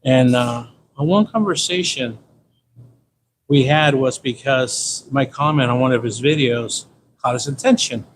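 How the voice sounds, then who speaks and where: A slightly slow, medium-pitched voice comes from a San Diego livestream host in his fifties. With his Californian American accent, he rambles casually, repeating himself and telling slangy, loose stories over clearly noisy ambient audio.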